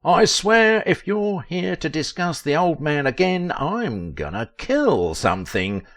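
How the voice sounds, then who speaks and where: A man voicing a fat, gluttonous young male mayor who shouts and talks through a full mouth. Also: mid-range voice, sing-song, measured pace, pitched above the performer's own voice. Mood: angry. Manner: loud, blustering, talking with a full mouth.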